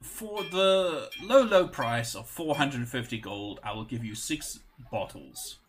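A man's voice: medium pitch, lively intonation, slow, a little hiss or hum. A man voicing a shrewd, wry female dwarf shopkeeper haggling with customers. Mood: bargaining.

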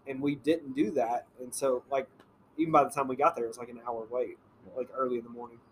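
A man's voice: medium pitch, fairly even intonation, fast, a little hiss or hum, rough recording. A man chatting casually with friends, rambling with many fillers. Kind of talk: casual chat.

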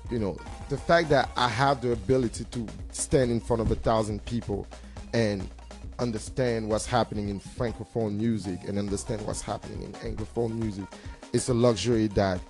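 A man's voice: fairly low pitch, fairly even intonation, normal speed, darkish tone, soft background music. A man telling stories in a casual interview as a DJ and hype man, confident, boastful and slangy. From Cameroon.

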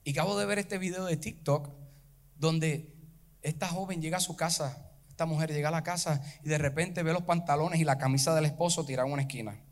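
High-voiced fervent male pastor preaching. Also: steady tone, brisk. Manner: fervent, rises into chanted preaching at climaxes; addresses the congregation directly. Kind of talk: sermon.

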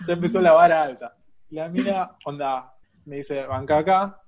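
A young Argentine man with a Rioplatense accent, casually telling a lively travel anecdote, laughing often and acting out the people in his story. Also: fairly high pitch, a little slow. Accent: Rioplatense Argentine Spanish. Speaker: guest storyteller.

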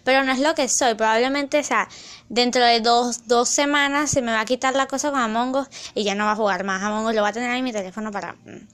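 A young woman chatting in a casual vlog, excitable and rambling, loud at times and slipping into English phrases. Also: on the high side, fast. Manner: loud, near shouting at times. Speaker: vlogger.

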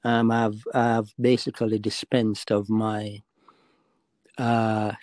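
Halting man from Jamaica, dry close sound. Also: on the low side, little pitch movement, darkish tone, no room sound. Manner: halting, with many fillers and restarts. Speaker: podcast guest. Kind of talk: casual interview talk.

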